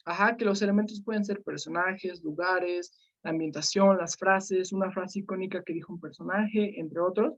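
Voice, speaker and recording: A woman's voice: mid-range voice, a little mellow. Woman, teacher, online lesson, questions students, filler words, slightly dull sound.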